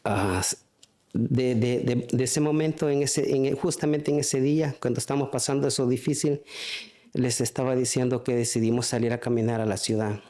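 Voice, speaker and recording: A man giving a spoken church testimony, halting, with frequent restarts and fillers. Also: medium pitch, fairly even intonation, dark tone.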